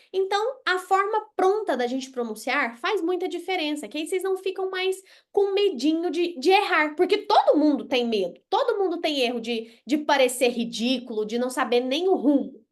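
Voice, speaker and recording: Woman English teacher from Brazil, high-pitched, blunt, playful, live online lesson with drawn-out pronunciation demos.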